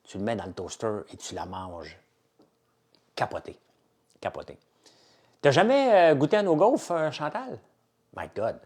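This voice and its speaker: A man's voice: medium pitch, normal speed. Chatty Québécois man selling waffles. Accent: Québécois French. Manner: chatty, enthusiastic salesman, lively and animated. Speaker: entrepreneur hosting a live chat. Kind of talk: casual live-stream chat with viewers.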